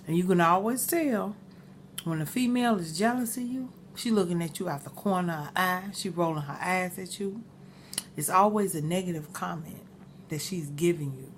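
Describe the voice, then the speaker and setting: A woman's voice: fairly low pitch, normal speed, a little hiss or hum. A middle-aged woman chatting casually and giving earnest advice while eating crunchy fried chicken in a mukbang. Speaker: mukbang host.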